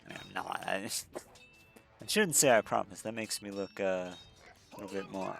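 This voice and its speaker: A man's voice: sits low, unhurried, gravelly, a bit bright, soft background music. A man casually commenting on his own gameplay, rambling and correcting himself with lots of fillers. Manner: rambling, self-correcting, frequent fillers and restarts. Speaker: let's-play commentator.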